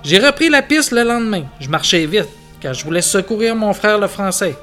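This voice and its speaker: A man, a podcast host, reading a literary tale aloud in measured narration. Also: high-pitched, expressive, fairly bright tone, faint music behind. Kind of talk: storytelling read-aloud.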